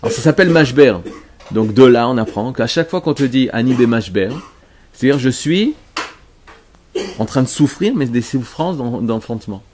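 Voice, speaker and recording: Giving a religious lesson to his class, a Torah teacher speaks with a medium-pitched, animated voice at a normal pace, with background noise. He is emphatic, explaining along the way and frequently restarting or repeating his phrases.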